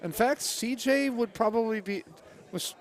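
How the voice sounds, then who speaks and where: A man's voice: extremely high pitch, measured pace. Chatty man co-commentating on golf. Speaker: golf video game tournament co-commentator. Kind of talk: casual chatty sports commentary.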